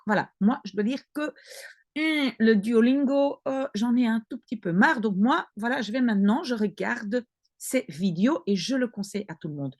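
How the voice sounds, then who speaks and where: A middle-aged woman teaches an online language lesson, her pitch rising and falling with a lot of life. She explains step by step and keeps checking in with her listeners. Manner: patient explaining, frequent checks like "hein" and "d'accord".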